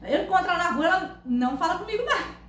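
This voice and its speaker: A woman with a Brazilian Portuguese accent, telling funny stories to her camera in a loud, animated, laughing way. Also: very high voice, fast. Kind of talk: casual storytelling to camera. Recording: echoey room, faint background noise.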